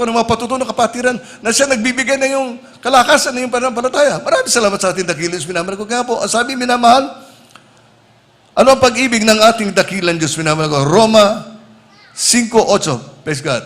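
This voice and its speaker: Man, preacher, sermon, high-pitched, keeps saying "beloved", mixes in English. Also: fast talker, fairly bright tone. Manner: calls the listeners "minamahal ko" (beloved) over and over.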